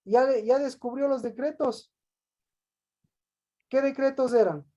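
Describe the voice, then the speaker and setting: A man's voice: extremely high pitch, takes it slowly, warm tone, highs cut off. A male pastor giving an interactive Bible lesson who reads scripture aloud, asks questions, calls on people by name and repeats their answers back.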